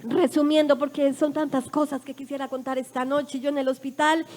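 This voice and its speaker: A Colombian woman with a Colombian Spanish accent gives her testimony during a sermon in church. Her high-pitched voice is brisk with a level tone. She tells her story with emotion and drama, swinging from hushed whispers to loud exclamations.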